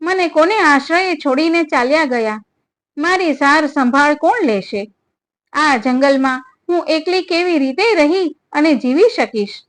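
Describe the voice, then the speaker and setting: A young orphaned daughter mourns aloud with grieving questions, read by a woman narrator. It is a quiet storybook lament, pitched a little lower than the narration. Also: animated, measured pace.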